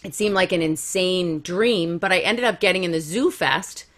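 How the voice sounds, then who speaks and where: A woman's voice: fairly low pitch, moderate pace, a bit bright. A woman in her forties, a comedian guest telling stories about her career in a frank, self-mocking way and laughing easily. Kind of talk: candid conversational storytelling.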